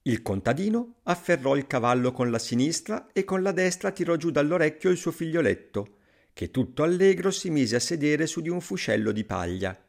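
Brief: male fairy-tale narrator, expressive and lilting, gravelly tone. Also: fairly high pitch, normal speed. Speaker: storyteller.

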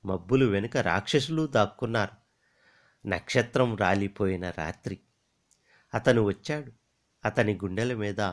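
A man narrates a poetic fable in measured, rhythmic phrases. His voice sits low and moves very slowly and solemnly. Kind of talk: scripted narration of a poetic story.

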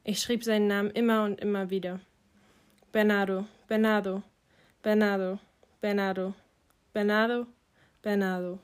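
A woman narrates an audiobook in a quiet, reflective voice of middle pitch. Her phrases trail off softly at their ends. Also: flat delivery, normal speed, long pauses, clear, resonant tone.

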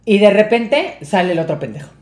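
A young man with a Mexican Spanish accent tells a personal story as a podcast guest, his pitch swinging widely as he acts out every voice in it. He talks in a loose, casual way and swears freely. The room adds a noticeable echo. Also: very animated, a little fast, a little mellow. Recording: roomy echo.

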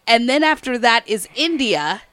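A woman's voice: a little high, big pitch swings, normal speed, fairly bright tone, dry recording. A woman in casual podcast chat, talking openly and reflectively and laughing often.

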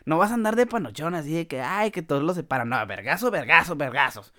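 A man's voice: a little high, animated, fast, sharp tone. A man with a Mexican accent, hosting a podcast and telling a story in casual comic style, full of crude slang and frequent laughter. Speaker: podcast host.

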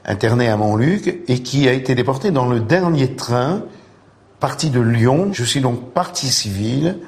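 An elderly man in his eighties speaks slowly and solemnly in a video clip. His voice sits at an ordinary pitch for a man. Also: animated. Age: 80s.

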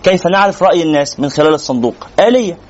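Brief: male Egyptian sheikh lecturing, quick and animated, husky high voice, lo-fi recording. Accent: Egyptian Arabic. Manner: animated, teasing, rhetorical questions. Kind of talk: religious lecture, conversational.

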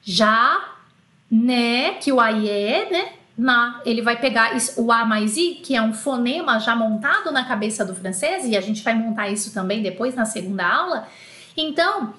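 A Brazilian woman with a Brazilian Portuguese accent teaching an online French lesson, explaining patiently and spelling out letters slowly. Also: fairly high pitch, lively intonation, pushed and bright, reverberant.

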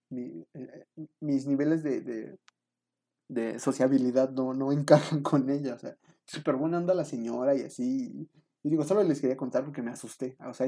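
A man's voice: mid-range voice, fairly quick, gravelly, mellow. A young man with a Mexican accent telling a rambling, self-mocking story to his viewers, full of fillers. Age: young adult. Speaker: vlogger.

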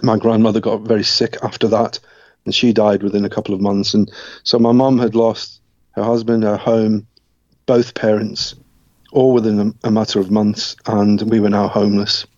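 A middle-aged man from Scotland, speaking as an interview guest and telling his life story in a reflective, measured way with frequent restarts. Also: lowish voice, level tone, a little mellow, no room sound, muffled recording.

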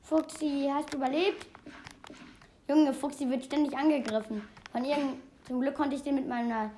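A woman chatting excitedly while playing a video game, exclaiming often and rambling between facts. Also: high-pitched, normal speed, slight background noise. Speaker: game player. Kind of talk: casual gameplay commentary.

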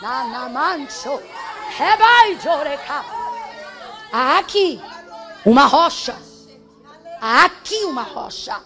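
High-pitched lady preacher, fiery, yelling refrains, soft music under her. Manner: fiery, shouting refrains, speaking in tongues. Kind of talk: sermon. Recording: faint music behind.

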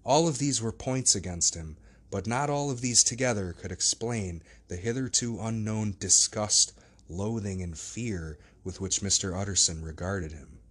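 A man narrating a classic novel as an audiobook, in measured, steady storytelling. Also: lowish voice, slightly rough.

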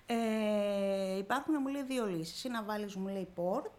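This woman speaks at a medium pitch with a somewhat dark tone. She is a radio interview guest telling an emotional personal story in vivid detail, acting out each exchange with repeated "I say, she says."

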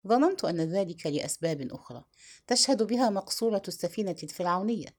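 A woman's voice: mid-range voice, animated, fast talker, a little mellow, lightly acted. A woman reading the part of a proud young king, lovesick and stung, who answers with stern, scornful retorts. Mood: guarded.

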